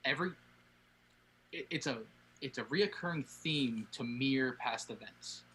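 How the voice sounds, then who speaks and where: A young man co-hosting a casual fan podcast, excitable and slangy. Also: medium pitch, a little slow, slight background noise, poor audio. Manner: excitable, slangy, says dude a lot. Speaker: podcast co-host.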